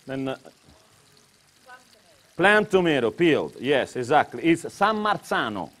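A Tuscan man, Italian by first language and accent, chats his way through a cooking demonstration on a kitchen set. He speaks broken English peppered with Italian interjections, in a mid-range, very animated, unhurried voice with a fairly bright tone.

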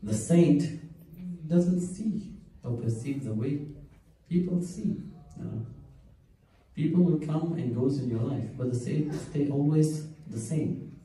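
Slow, serene guru in an echoing hall. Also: male voice, a little high, mellow. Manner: slow, serene guru delivery with long pauses, short broken phrases. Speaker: spiritual teacher. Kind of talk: satsang spiritual discourse. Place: large indoor temple hall, recorded from the audience. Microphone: distant camera among seated listeners. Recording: echoey hall, distant audience camera.

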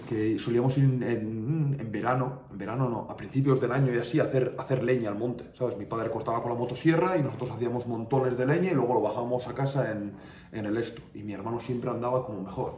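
Young man, from Navarre, fitness coach, candid casual chat, slangy fillers, mellow tone, faint background ambience. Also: mid-range voice, slight background noise. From Navarre, Spain. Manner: colloquial, candid, peppers speech with "tío" and "¿sabes?". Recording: roomy sound, mic at a distance, faint ambience.

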